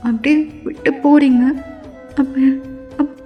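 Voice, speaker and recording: A woman's voice: high-pitched, fairly even intonation, unhurried, long reverb tail, muffled recording, faint music behind, pitched above the performer's own voice. A woman voicing a hurt young wife who firmly refuses her husband in a fan-made audio story. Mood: refusing. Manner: wounded and firm.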